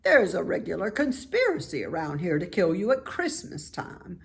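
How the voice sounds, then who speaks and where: A woman's voice: lowish voice, very animated, moderate pace, gravelly. A woman voicing an old female sheep who delivers bad news bluntly. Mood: grim. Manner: blunt, matter-of-fact.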